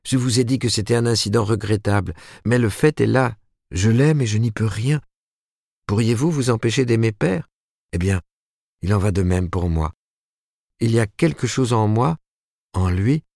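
A man's voice: on the low side, darkish tone, no echo, studio quality, pitched above the performer's own voice. A man reading the part of an earnest, lovestruck young woman in an audiobook, tremulous and pleading.

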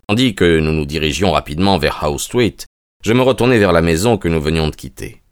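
A man narrating an audiobook in a measured storytelling manner. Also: low voice, smooth, no room sound, clean studio sound.

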